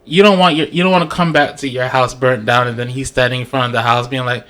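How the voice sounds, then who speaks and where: A man giving casual, joking commentary on a reality show, animated and laughing often. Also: mid-range voice, quick pace. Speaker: vlogger.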